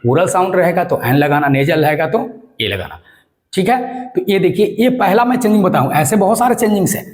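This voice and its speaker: A man's voice: high-pitched, animated, brisk, a little mellow. A man teaching English grammar in a lesson, emphatic, answering his own questions and spelling letters aloud. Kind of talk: classroom-style lesson.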